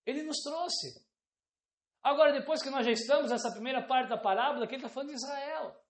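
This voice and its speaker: A woman preaches with a very high voice, emphatic and pressing. She keeps turning to the congregation with rhetorical questions. The sound carries the echo of a church hall. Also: fast talker. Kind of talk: sermon.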